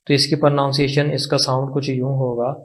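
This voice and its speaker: A man's voice: mid-range voice, little pitch movement. A man with a Pakistani Urdu accent teaching an online language lesson, patient and repeating each word for practice. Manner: slow, patient, repeats words for drill.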